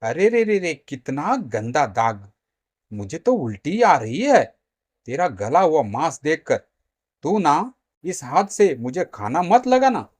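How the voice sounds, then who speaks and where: A man's voice: fairly high pitch, big pitch swings, slow, a little mellow, no echo, heavily acted. A man voicing a spiteful, scheming older mother-in-law who scolds with disgust in a storybook tale.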